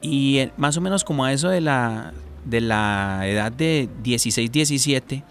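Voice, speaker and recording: A man's voice: medium pitch, moderate pace, a little hiss or hum. A man with a Mexican accent, a talk-show guest giving a personal testimony, rambling with many fillers and restarts.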